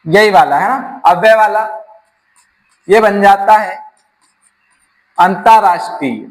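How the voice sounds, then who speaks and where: A man's voice: high-pitched, measured pace, low-quality recording. A man from teaching an exam-prep grammar lesson, explaining step by step and asking his class rhetorical questions.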